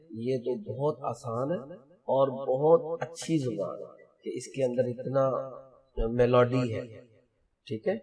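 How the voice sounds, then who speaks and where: A man's voice: mid-range voice, darkish tone, far from the mic. Patient male pronunciation teacher, slightly off-mic. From Pakistan. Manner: explains patiently, repeats key words, syllable-by-syllable demonstrations. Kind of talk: online lesson in Urdu.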